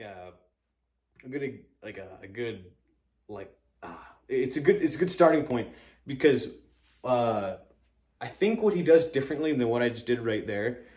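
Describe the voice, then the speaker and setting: A man chatting informally as he explains a vocal technique, halting and modest as he searches for words. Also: mid-range voice, a little mellow, reverberant. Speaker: amateur vocalist and drummer giving a tutorial. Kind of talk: casual explanatory vlog chat.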